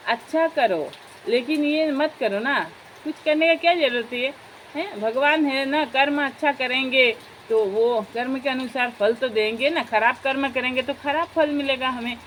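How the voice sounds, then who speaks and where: A young woman chats to her viewers and calls them her friends, talking in a confiding, rambling way. Her voice sits a little high. Faint background noise runs under the recording. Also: unhurried, fairly bright tone, low-quality recording. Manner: chatty, addresses viewers as friends. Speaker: vlogger. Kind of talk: casual chat to viewers.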